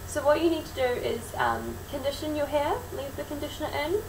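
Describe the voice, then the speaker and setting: A woman's voice: sits high, fairly even intonation, fairly quick. A woman with a broad New Zealand accent gives a frank, informal how-to explanation in casual vlog style. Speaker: vlogger. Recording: roomy, distant mic, clearly noisy.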